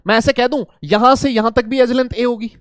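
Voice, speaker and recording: A man teaching chemistry to a class, animated, repeating key points and coaxing and scolding students. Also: very high voice, fairly quick, smooth, no room sound, studio quality. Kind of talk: classroom lecture.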